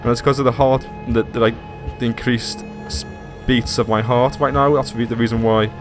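A man's voice: mid-range voice, fairly even intonation, normal speed, over music. A frightened man commenting on a horror game as he plays, jittery, swearing and talking to himself. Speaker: let's play gamer.

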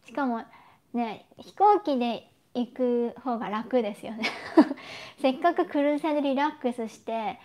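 Woman, from Japan, host, casual chat, slightly high voice, lots of fillers. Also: normal speed, dark tone. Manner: chatty, frequent fillers and laughs. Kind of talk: casual solo chat reading listener messages.

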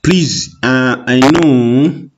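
Voicing over a screen recording, a Bemba-speaking Zambian teacher with a Tonga-tinged English accent walks students through an exam paper online. His mid-range voice carries a little hiss or hum in the muffled, lo-fi audio, and he goes slowly and patiently, repeating "okay" frequently.

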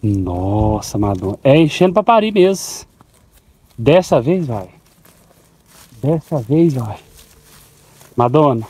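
A man's voice: mid-range voice, mellow. A man from Goiás with a Goiás Portuguese accent, vlogging casually on his farm and talking affectionately to his cows. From Goiás, Brazil. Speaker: farmer vlogger. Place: outdoors on a cattle farm.

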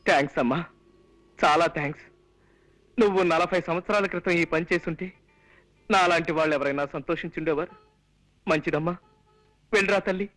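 A man's voice: on the high side, fairly quick, pauses often, a bit bright, natural voice, rough recording. An actor playing a lovesick young man who complains in exasperated comic bursts. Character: lovesick young man chasing a college girl.

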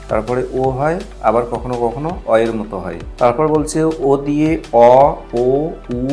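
A man explains English pronunciation rules at a patient, steady pace. He reads each example word aloud and repeats it. A faint musical bed sits low under his middle-pitched voice. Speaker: English teacher.

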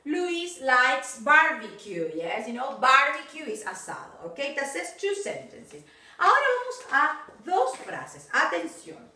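A woman teacher with a Rioplatense Spanish accent leads a video lesson for small children at a very slow, drawn-out pace. Her voice is high, bright and lively in pitch. It is recorded in an echoey room from some distance. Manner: slow, drawn-out drilling with frequent "yes, ok". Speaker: English teacher.

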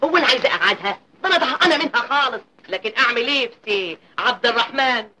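An actress playing a scheming, spiteful wife who bullies her maid, with shrill, scolding speech in 1950s Egyptian film style. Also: animated, very fast, pushed and bright, a little hiss or hum, poor audio. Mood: plotting.

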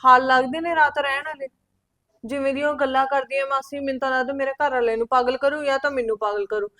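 A woman's voice: sits high, steady tone, quick pace, a bit bright. A young woman playing a married daughter venting in exasperation in a village family drama. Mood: exasperated.

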